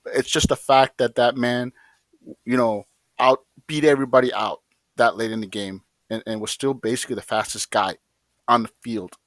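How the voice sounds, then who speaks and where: A man's voice: medium pitch, fairly even intonation, moderate pace, dry recording. A man co-hosting a casual soccer talk show, emphatic and repeating his points. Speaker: co-host.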